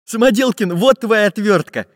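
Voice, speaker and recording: A man voicing an eager, quick young magic artist in a bright, raised voice. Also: sits high, no echo, studio quality, in a large hall, pitched above the performer's own voice, close to an everyday voice. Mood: helpful.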